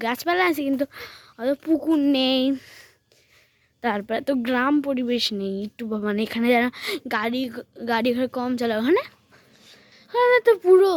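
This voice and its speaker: A woman's voice: a little high, slight background noise. A woman giving a casual walking tour for her vlog. She talks straight to her viewers, keeps pointing things out, and films with a handheld phone outdoors in a village. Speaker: vlogger. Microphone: handheld phone while filming.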